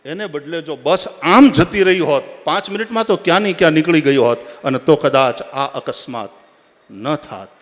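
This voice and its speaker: A man's voice: on the high side, lively intonation, normal speed, a bit bright. A man voicing a remorseful village husband in a parable, speaking earnestly, with a long hall echo around him.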